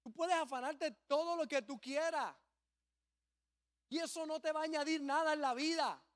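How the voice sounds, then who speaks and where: High-pitched preaching pastor. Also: male voice. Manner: preaching with sudden loud swells and acted quotes. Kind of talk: sermon.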